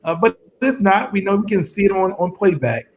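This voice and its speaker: Over a crackly, staticky phone-like line, a man co-hosting a virtual reading event encourages a child guest in casual online hosting. His voice is high-pitched, animated and fairly quick.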